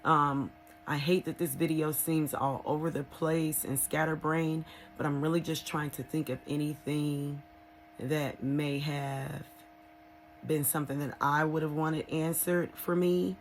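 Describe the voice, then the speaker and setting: Woman just chatting to her vlog, candid n kinda rambly, pauses to think, bit of background noise. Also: sits low, steady tone. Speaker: vlogger sharing a recovery experience. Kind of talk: casual, unscripted personal vlog talk.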